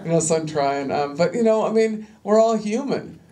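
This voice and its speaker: A woman's voice: on the low side, expressive, moderate pace, dark tone. A middle-aged woman speaking as a panel guest, telling stories loosely with many fillers, her voice rising and sharpening when she quotes herself confronting others. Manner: loose, rambling delivery full of "you know" fillers. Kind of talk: casual storytelling on a panel.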